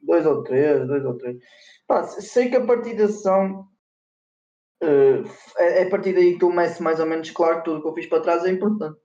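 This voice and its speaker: A man's voice: a little high, normal speed, warm tone. A young man from northern Portugal with a European Portuguese accent, talking casually as an interview guest, using slang and some English words. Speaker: rapper being interviewed. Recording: roomy, slightly dull lo-fi sound.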